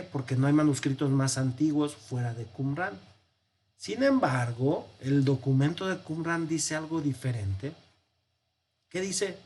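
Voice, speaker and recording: Man, priest lecturing a Bible class, unhurried delivery, slightly raised pitch, poses and answers questions. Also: slight background noise. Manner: explanatory, poses rhetorical questions and answers them; walks through a text on screen, counting and pointing.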